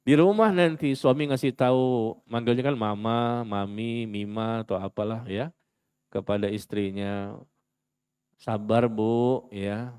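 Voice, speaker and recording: A man giving a sermon in a mosque, lively and theatrical, acting out quoted voices and asking the congregation questions. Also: medium pitch, moderate pace, clean tone, no room sound, studio quality. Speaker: preacher.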